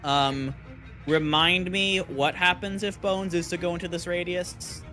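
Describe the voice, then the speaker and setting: A man's voice: sits high, fairly even intonation, unhurried, sharp tone. A man talking casually as a player in a tabletop game session, thinking aloud as he works out rules and dice. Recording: music playing behind the voice.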